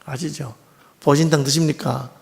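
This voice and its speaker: A man's voice: on the high side, fairly even intonation, normal speed, vocal fry. A middle-aged male pastor with a Gyeongsang accent, preaching a sermon in a conversational way and often putting rhetorical questions to the congregation. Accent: Gyeongsang Korean. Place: church sanctuary.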